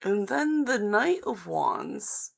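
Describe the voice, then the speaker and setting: A woman giving a live psychic-hotline style card reading, speaking in halting, deliberate phrases with an encouraging, reassuring manner. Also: medium pitch, very animated, vocal fry. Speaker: live-stream tarot reader and host.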